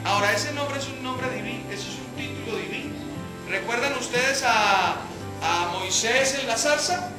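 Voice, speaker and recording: A woman's voice: on the high side, normal speed. A woman leading a Bible study sermon, acting out scripture quotes and asking the room rhetorical questions. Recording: echoey hall with faint music.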